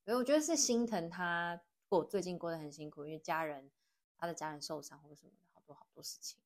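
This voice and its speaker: A young Taiwanese woman with a somewhat low voice hosts a relaxed podcast chat in a living room. She speaks in a Taiwanese Mandarin accent and tells her stories with open feeling, laughing easily. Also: fast. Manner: emotional storyteller, laughs often. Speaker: podcast host. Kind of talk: casual chat.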